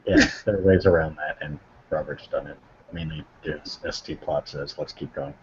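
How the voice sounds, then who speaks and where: A man's voice: a bass voice, fairly even intonation, normal speed, slight background noise. A man running a tabletop game as game master, giving brief rulings. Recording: dull lo-fi sound from off the mic.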